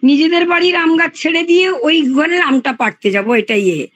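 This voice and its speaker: An older woman casually telling a lively childhood story on a video call, acting out the shouted quotes. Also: high-pitched, moderate pace, no echo, rough recording. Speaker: participant in an elders' group chat.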